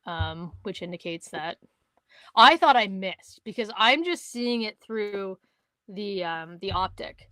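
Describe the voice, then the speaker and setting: A woman from Canada co-hosting a podcast, telling a hunting story in casual chat, animated and swearing, acting out other people's words. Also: mid-range voice, slow, dry recording. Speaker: podcast co-host.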